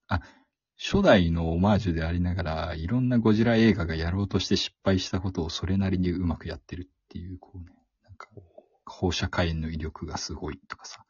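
Low husky man, animated chat. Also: no echo. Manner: animated, joking, often acting out quoted reactions. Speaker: podcast host. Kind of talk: casual chat about a film. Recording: dull lo-fi recording, dry.

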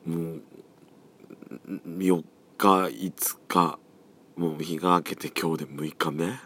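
A hoarse man around forty with a cold, hosting a casual solo podcast, chatty and rambling, often letting his voice drop and trail off. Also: low voice, steady tone, slow, a bit bright. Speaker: podcast host.

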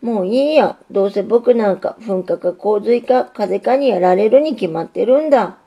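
A woman's voice: mid-range voice, moderate pace, dark tone, highs cut off, close to an everyday voice. A woman voicing an earnest, lovesick young male railway signal in a storybook reading, pleading and eager. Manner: pleading, eager, repeats himself.

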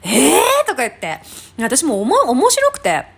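A woman's voice: sits high, wildly swooping pitch, normal speed, slightly rough. A woman in her thirties, hosting a casual talk show and telling a funny story with many fillers and laughs. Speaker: podcast host. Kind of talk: casual chat.

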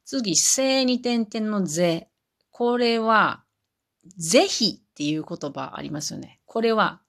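A woman's voice: on the low side, vocal fry. A woman talking on her own in a chatty, explaining way, amused by her examples. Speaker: podcast host. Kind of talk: solo podcast talk.

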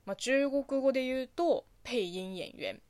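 A woman's voice: high voice, normal speed, no echo. Chatty Chinese-accented woman radio host. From China. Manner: chatty, animated, with frequent fillers. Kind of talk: solo radio talk, reading listener letters.

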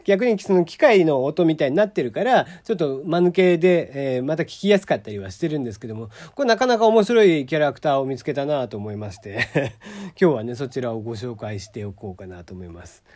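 A man's voice: on the high side, big pitch swings, brisk, a little mellow. Chatty man laughing through a podcast. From Kagoshima, Japan. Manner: chatty, laughs often, many fillers. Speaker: podcast host. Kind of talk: casual solo podcast talk.

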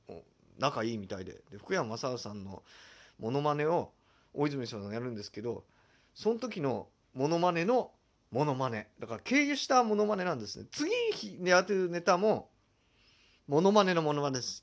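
A man hosting a solo comedy talk show, lively and self-deprecating as he explains his impressions. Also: on the high side. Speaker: podcast host.

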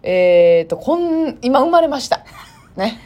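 A woman with a Kansai accent co-hosting a casual chat podcast, reading out listener gifts and mail. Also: high-pitched. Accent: Kansai Japanese. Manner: animated, quick, reads out listener gifts and mail. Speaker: podcast co-host.

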